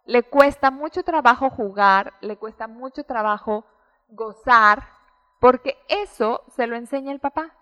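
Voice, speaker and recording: High-voiced woman explaining, roomy reverb. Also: a little slow. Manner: animated, acts out quoted parents' voices. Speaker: child psychology expert guest. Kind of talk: explanatory interview talk.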